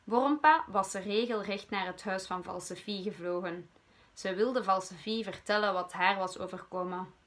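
Give me a Flemish woman teacher slowly reading a children's story. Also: medium pitch, fairly bright tone. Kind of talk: storybook read-aloud for children.

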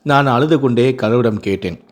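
A man narrating a sad first-person story in a measured, somber reading voice with slow pauses. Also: medium pitch.

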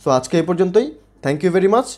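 A man's voice: high-pitched, expressive, normal speed, a little mellow. A man teaching an online spelling lesson, explaining step by step, spelling words out letter by letter and often checking in with the viewers. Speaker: English teacher.

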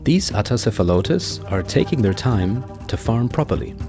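A man with a fairly low voice delivers scripted nature documentary narration. His delivery is measured and explanatory, with music playing behind him. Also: sing-song.

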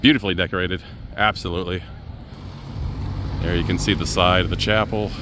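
A man's voice: low-pitched, steady tone, a little fast. A man vlogging as he walks through city streets, talking to his viewers in an easygoing, chatty way. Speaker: travel vlogger. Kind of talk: casual walking-tour narration. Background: faint street and traffic noise.

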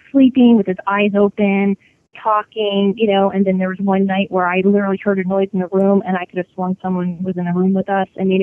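A woman's voice: medium pitch, no echo. A woman telling a personal ghost story in an interview, chatty, with many fillers and restarts. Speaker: interview guest. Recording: phone-line sound.

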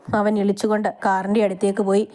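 A woman's voice: mid-range voice, level tone, quick pace, dark tone, faint music behind. A woman with a Malayali accent narrating a romance story aloud, reading it dramatically and giving each character a voice.

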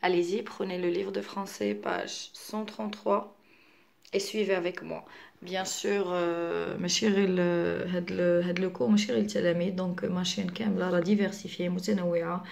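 Gravelly, mellow-voiced Moroccan woman teaching French. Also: lowish voice, fairly even intonation. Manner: mixes French with Moroccan Arabic explanations; patient, repeats words slowly for learners. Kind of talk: online lesson for children.

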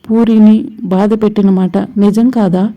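Brief: angry middle-aged father, voiced by a woman, scolding, monotone. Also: medium pitch, normal speed, lo-fi sound, close to an everyday voice.

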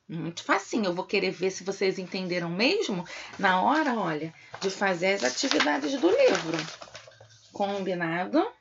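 A woman's voice: fairly high pitch, vocal fry, husky. A Brazilian woman teaching young children remotely, calling herself "tia" and using fond diminutives. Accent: Brazilian Portuguese. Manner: addresses pupils warmly as "tia" with diminutives. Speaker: primary school teacher. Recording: dull lo-fi home video sound.

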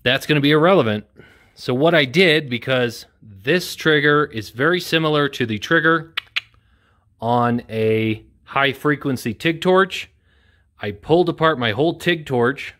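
His voice is a little high and a bit bright, and he speaks a little slowly. He's a welding video host in his thirties doing a laid-back how-to repair in an indoor workshop with a corrugated metal wall, plain-spoken and self-deprecating throughout.

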